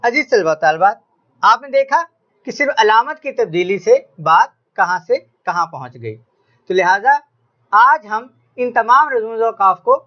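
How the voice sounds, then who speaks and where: A man's voice: high-pitched, dull audio. A man teaching an Urdu grammar lesson to students, addressing them formally and stressing his examples in a raised voice. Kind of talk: classroom lesson.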